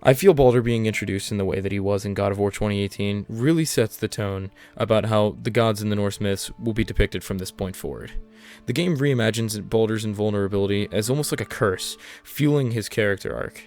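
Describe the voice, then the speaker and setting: Male video-essay narrator, lower-pitched, scripted explainer read over a music bed. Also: fairly quick, darkish tone.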